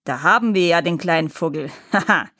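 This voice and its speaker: A woman voicing a huge, gruff male giant in a storybook reading, booming and threatening. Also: a little fast, a bit bright, no room sound, studio quality. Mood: gloating.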